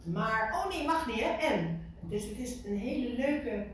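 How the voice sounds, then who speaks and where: A woman's voice: fairly high pitch, measured pace. Woman preaching in an echoey room. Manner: lively, asks the listeners questions, repeats words for emphasis. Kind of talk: informal sermon to a small group. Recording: echoey room from far off, faint noise.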